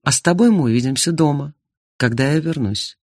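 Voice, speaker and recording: A man's voice: on the high side, a little fast, dry recording, studio quality, pitched above the performer's own voice. A man voicing a cool, composed older woman in an audiobook. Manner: calm, cool. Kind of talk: audiobook character voice.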